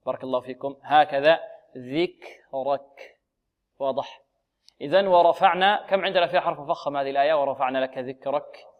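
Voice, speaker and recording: Quran teacher drilling slow recitation. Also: male voice, on the high side, highs cut off. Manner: drills pronunciation, repeats words slowly, asks students questions. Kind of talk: tajweed lesson with recited examples.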